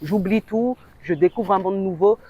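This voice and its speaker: A woman from French Guiana, an author and actress, telling her story in an interview in a reflective, animated way. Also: medium pitch, normal speed. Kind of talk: interview testimonial.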